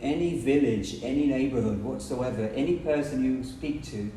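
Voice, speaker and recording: On a podcast, a Brazilian man who teaches English, a native Portuguese speaker, makes his points emphatically through short repeated phrases. His voice is medium-pitched and dark at a moderate pace, recorded on a distant mic in a roomy space with music behind and slight background noise.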